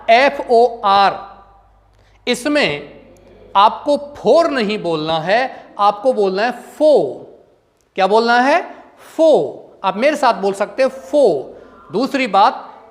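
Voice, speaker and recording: Male English teacher, slow delivery, drills students with repeated questions, long hall echo. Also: sits high. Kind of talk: spoken English lesson.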